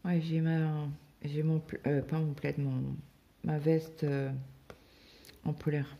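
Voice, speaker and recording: Gravelly-voiced chatty French woman. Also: deep voice, little pitch movement, takes it slowly, lo-fi sound. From France. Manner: rambling, chatty storytelling with many fillers. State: recovering from a stomach bug. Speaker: cross-stitch vlogger. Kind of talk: casual chat.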